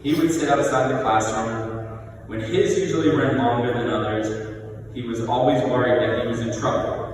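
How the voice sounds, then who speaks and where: A middle-aged man delivers a prepared eulogy in a large, heavily reverberant church. He speaks at an average pitch, reminiscing in measured short phrases. The microphone sits at a distance, with clear noise around the voice. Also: steady tone. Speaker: son giving a eulogy. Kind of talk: prepared eulogy speech, read aloud. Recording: echoey church hall, distant mic, noisy.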